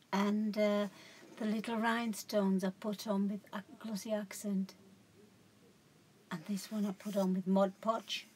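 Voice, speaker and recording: There's a little hiss or hum behind this mid-range, slightly mellow female voice. A craft vlogger, she casually shows her crafts at home in a rambling, chatty show-and-tell, correcting herself often.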